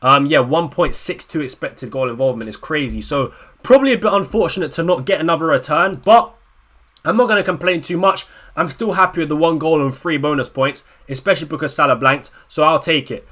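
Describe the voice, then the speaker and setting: Young lad, ranting fantasy-football vlogger; fairly high, bright, punchy voice, exasperated and slangy. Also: male voice, a little fast. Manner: exasperated, animated, slangy, stumbling restarts. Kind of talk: casual ranting reaction video.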